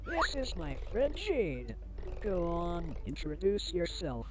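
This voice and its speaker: A woman's voice: fairly low pitch, huge pitch swings, slow pace, exaggerated voice. A woman voicing a cheerful, controlling computer host in a children's game, with sugary, upbeat, instructive delivery. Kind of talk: children's educational game voice acting. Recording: loud game music over voice.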